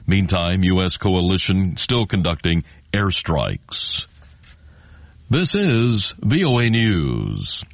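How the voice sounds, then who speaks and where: Deep-voiced American male newsreader, close and dry. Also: dry recording. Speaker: radio news anchor. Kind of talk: scripted news reading.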